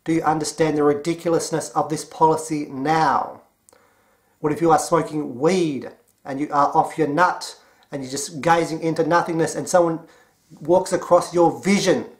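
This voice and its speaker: A man with an Australian accent giving a mocking, deadpan commentary. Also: fairly high pitch, normal speed. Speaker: commentary vlogger. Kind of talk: sarcastic commentary.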